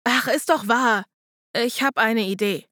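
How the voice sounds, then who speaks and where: A woman's voice: a little high, a little slow, sharp tone, dry recording, clean studio sound. A woman voicing a playful, persuasive young man who talks in a teasing, coaxing way.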